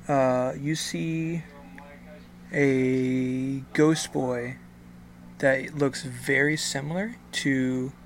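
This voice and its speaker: A man narrating a tabletop role-playing game as game master, improvising with a hesitant, halting delivery. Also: mid-range voice, slight background noise.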